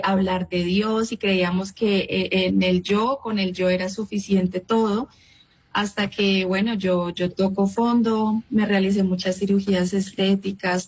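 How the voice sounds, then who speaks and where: A woman in her thirties tells her faith story as a guest, earnest and reflective. Her voice is husky and breathy, and her pitch stays flat and even. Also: rough recording. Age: 30s. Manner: earnest, reflective, with frequent restarts. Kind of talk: personal faith testimony.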